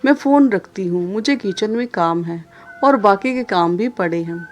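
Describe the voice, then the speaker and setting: A woman's voice: mid-range voice, lively intonation, moderate pace, slight background noise, lightly acted. A woman voicing a busy young daughter-in-law in a storybook who talks in an anxious, pleading way.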